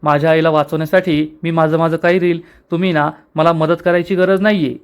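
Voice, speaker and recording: A man's voice: fairly high pitch, flat delivery, brisk, smooth, natural voice. A man reading the lines of a furious young man accusing his family. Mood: angry.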